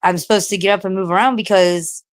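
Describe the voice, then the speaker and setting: A woman's voice: medium pitch, fairly even intonation, fast talker, dry recording, rough recording. A woman chatting casually on a live stream, rambling, laughing often and swearing freely.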